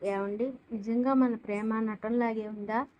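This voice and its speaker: A woman voicing an anxious middle-aged mother who speaks softly and worriedly. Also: a little high, fairly even intonation, unhurried, highs cut off, natural voice. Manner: worried, soft.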